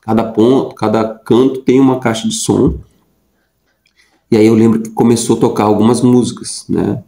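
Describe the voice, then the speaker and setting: A man's voice: on the low side, steady tone, normal speed, creaky, warm tone, echoey room, poor audio. A young adult man telling a personal story in a casual, rambling way, with lots of fillers and repeated words. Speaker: vlogger.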